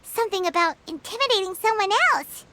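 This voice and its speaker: A woman voicing a small, feisty female fairy companion in a video game, with a squeaky childlike voice. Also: brisk, noisy background. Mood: puzzled.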